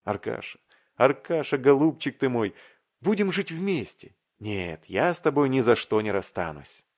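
A man voicing a timid, tender-hearted young man in love in an audiobook, speaking earnestly and haltingly. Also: medium pitch, sing-song, pitched above the performer's own voice. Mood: earnest confiding. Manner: earnest, faltering, warm confessional. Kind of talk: audiobook reading.

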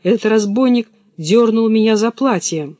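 A man's voice: high-pitched, normal speed, a little mellow, no echo, pitched above the performer's own voice, close to an everyday voice. A bold young robber girl snaps out commands in a raised, brusque voice, as a man reading the play puts her on. The recording is close and dry, with no room sound. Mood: bossy.

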